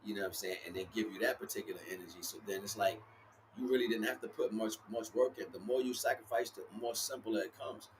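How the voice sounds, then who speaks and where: A man with a mid-range voice gives a relaxed, freeform spiritual talk outdoors while hosting a livestream. He circles back over his words and checks in often with the audience. The audio is poor, with slight background noise.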